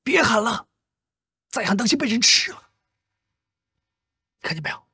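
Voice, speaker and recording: An actor playing a sly male prisoner in a costume TV drama, teasing a newcomer in a hushed, conspiratorial way. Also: very high voice, sing-song, moderate pace, breathy edge, exaggerated voice. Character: sly male prisoner spinning scary tales. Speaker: cellmate.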